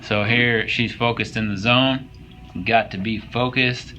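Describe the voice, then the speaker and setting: A man's voice: medium pitch, fairly even intonation, measured pace, very noisy. A young man casually commenting on workout footage, joking and swearing as he coaches viewers. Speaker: fitness vlogger.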